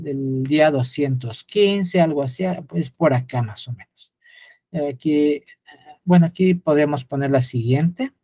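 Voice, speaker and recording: Halting man lecturing from a chart. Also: fairly high pitch, dark tone, dry recording, clean studio sound. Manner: hesitant, many fillers and restarts, pointing at a chart. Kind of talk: unscripted explanatory lecture.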